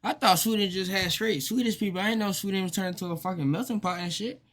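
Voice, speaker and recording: A man's voice: high-pitched, quick pace, fairly bright tone. A man reacting to a video on stream, with slangy, profane, disbelieving asides. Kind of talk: casual live reaction commentary.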